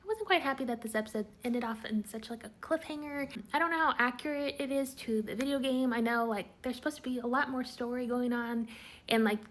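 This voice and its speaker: A woman's voice: a little high, fairly quick, a bit bright. Chatty woman with a lilt. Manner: chatty, many "like" fillers, quotes characters. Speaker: TV recap vlogger. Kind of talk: casual episode recap.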